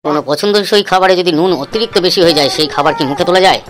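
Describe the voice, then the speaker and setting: Woman doing a stern village strongman, low. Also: racing, lightly acted. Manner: commanding, clipped orders. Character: stern male village strongman who judges disputes. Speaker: voice actor. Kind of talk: cartoon voice acting.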